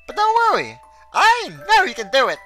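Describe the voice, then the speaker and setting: A sunny, eager young girl, put on by a streamer reading a visual novel speaks up in a high, lively, bright voice. Soft chime music plays behind her. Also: moderate pace, full character voice. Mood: encouraging.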